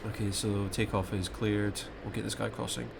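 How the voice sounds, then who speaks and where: Low-voiced man playing controller over background noise. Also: flat delivery, normal speed, vocal fry. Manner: thinks aloud, formulaic clipped instructions. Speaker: player of an air traffic control game. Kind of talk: gameplay commentary mixed with air traffic control radio calls.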